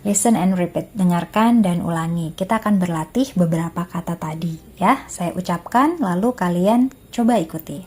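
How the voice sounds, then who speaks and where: Woman, Indonesian accent, lecturer, recorded lesson, warm tone, frequent filler pauses. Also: fairly low pitch. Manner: mixes teaching English terms with explanations, many filler pauses.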